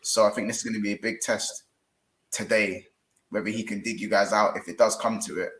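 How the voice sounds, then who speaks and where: A man's voice: lowish voice, steady tone, a little fast, fairly bright tone. A man with a London accent hosting casual football talk, slangy and speaking straight to viewers. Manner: colloquial, slangy, addresses viewers directly. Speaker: host of a football fan show. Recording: roomy, echoey sound.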